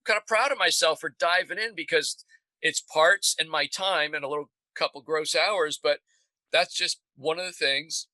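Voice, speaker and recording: A man's voice: a little high, normal speed, pushed and bright, no room sound, rough recording. A man guest in a casual interview, telling upbeat, proud stories about fixing his boat himself. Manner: upbeat, proud, jokey storytelling.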